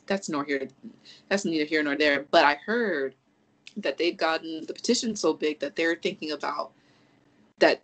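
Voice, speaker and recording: A podcast co-host in casual chat, animated and profane, rambling through restarts and acting out reactions. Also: mid-range voice, poor audio.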